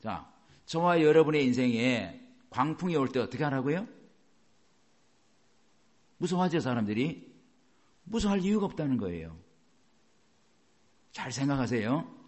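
A male pastor giving a sermon, reading scripture slowly and then explaining it in a chatty way to the congregation. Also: mid-range voice, sing-song.

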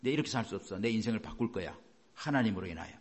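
A man preacher voicing an ancient man who quietly vows he cannot go on living this way, in a low, earnest tone. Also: animated, rapid-fire, natural voice. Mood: determined pleading. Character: desperate ancient man resolving to change his life.

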